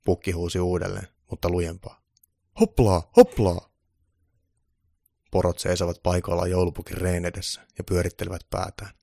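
A man calmly narrating a scripted story in an even, deadpan reading voice. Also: low-pitched, gravelly, no room sound, clean studio sound.

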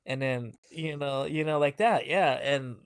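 A gravelly-voiced man in his thirties talking loosely on a podcast, rambling from one thought to the next with frequent laughs. The recording is dry and close, with no room sound at all. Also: a little high, a little slow, no echo. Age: 30s. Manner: rambling, laughs often, quotes others in a hushed voice. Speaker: podcast co-host. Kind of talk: casual chat.

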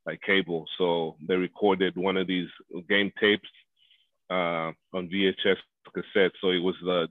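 A man's voice: low voice, no echo. A man from Zambia, a former basketball player, answering interview questions in a rambling way with many fillers. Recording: phone-like call audio.

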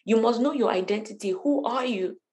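A woman's voice: fairly high pitch, normal speed, a little mellow, poor audio. A woman leading a casual bible study teaching, conversational and emphatic, often repeating phrases to drive a point home.

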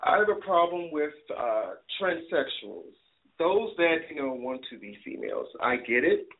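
A man with a notably high voice heard over a thin, phone-like line. He runs a call-in talk show and vents in a rambling, profane rant full of fillers and restarts. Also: big pitch swings, a little slow.

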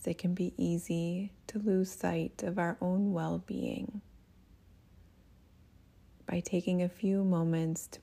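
A woman teacher leads a guided meditation in a gentle, soothing manner, her phrases ending breathily. Her voice is lowish.

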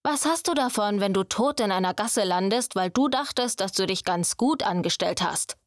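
A woman voicing a domineering young male thief mentor who scolds his apprentice with a raised, forceful voice. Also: medium pitch, lively intonation, normal speed, no room sound, studio quality, close to an everyday voice. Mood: stern. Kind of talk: audiobook character voice.

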